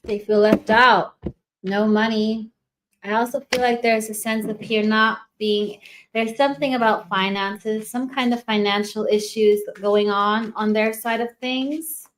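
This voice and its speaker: A woman's voice: fairly high pitch, fairly even intonation, unhurried, a little hiss or hum. A woman giving a casual tarot reading, thinking aloud and trailing off between cards. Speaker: tarot reader.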